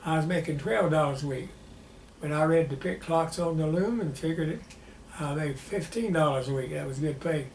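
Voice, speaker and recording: A man in his nineties with a Southern American accent, an old veteran looking back on his life. His voice sits fairly high, and he recalls things plainly and haltingly. The room echoes around him, with faint noise behind. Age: 90s. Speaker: war veteran being interviewed. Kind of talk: personal reminiscence in an interview. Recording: roomy echo with faint background noise.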